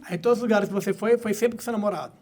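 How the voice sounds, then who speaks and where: A man's voice: sits high, very fast, darkish tone. A man with a Brazilian accent from Goiás, hosting a podcast and asking questions in casual chat. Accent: Goiás Brazilian Portuguese. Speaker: podcast host.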